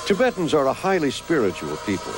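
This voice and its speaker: Male documentary narrator with animated intonation. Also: mid-range voice, fast. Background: music.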